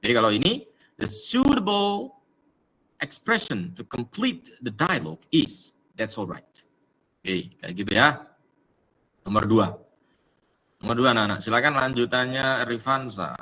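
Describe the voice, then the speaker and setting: A man's voice: mid-range voice, expressive, normal speed, sharp tone. A man with an Indonesian accent teaching an English class, mixing English words into his explanations with many fillers. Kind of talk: online class lesson.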